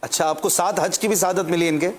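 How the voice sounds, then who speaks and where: A man leads a respectful religious interview, his voice sitting a little high. He asks gentle, probing questions and keeps the guest going with short affirmations. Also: fairly even intonation, a little fast.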